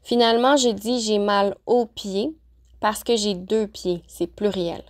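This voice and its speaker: Here a French-as-a-second-language teacher, a woman with a mid-range voice, delivers a slow, deliberate vocabulary lesson. She pronounces her example phrases with careful articulation.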